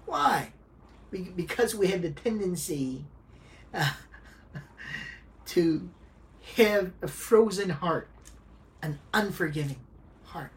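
A woman pastor delivering a sermon, speaking deliberately and repeating key phrases for emphasis. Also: fairly low pitch, expressive.

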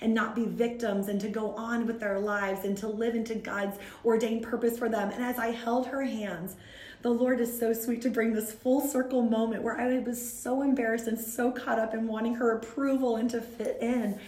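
A woman guest in a conversation, telling a story in an animated, self-mocking way and laughing often. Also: fairly high pitch, normal speed, reverberant. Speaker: guest speaker from a women's ministry.

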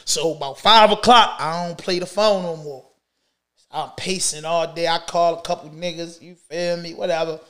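A middle-aged man recounts his own past in a loose, slangy storytime. His voice sits high for a man and stays animated, with sudden loud bursts that drop back into low mutters. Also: normal speed, clear, resonant tone. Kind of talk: casual storytime.

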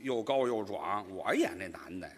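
A man as the straight man in live crosstalk comedy on a theater stage, firing quick retorts and arguing back. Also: fairly low pitch, expressive, a little hiss or hum. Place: theater stage before a large audience. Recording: reverberant theater hall.

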